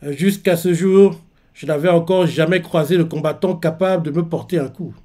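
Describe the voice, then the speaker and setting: Haughty villain counselor, cold and superior, read flat by a man. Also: fairly high pitch, moderate pace, close to an everyday voice. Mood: cold calm. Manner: reads the lines flat, near his own voice.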